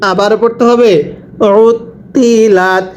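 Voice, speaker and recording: A man teaching Quran reading, spelling out letters and vowel marks and then slowly drawing out each joined word for his students to repeat. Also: very high-pitched, steady tone, lo-fi sound, a little hiss or hum. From Bangladesh. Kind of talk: slow call-and-repeat recitation lesson.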